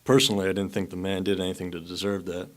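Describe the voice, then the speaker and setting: A young man playing a Roman soldier who crucified Jesus, speaking in a flat, matter-of-fact way. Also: low voice, fast, close to an everyday voice. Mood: somber. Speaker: student actor.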